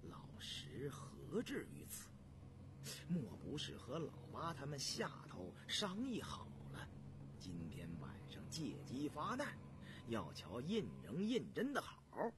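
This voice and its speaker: A man voicing the hushed inner thoughts of a suspicious old male emperor. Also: mid-range voice, wildly swooping pitch, slow pace, background noise, pitched below the performer's own voice.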